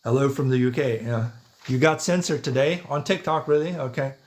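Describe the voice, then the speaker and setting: A Dutch man from the Netherlands, a podcast host and livestreamer, talks casually on a livestream in a mid-range voice, a little fast. In his monologue he answers chat comments, thinking aloud and checking in with "right?" and "yeah".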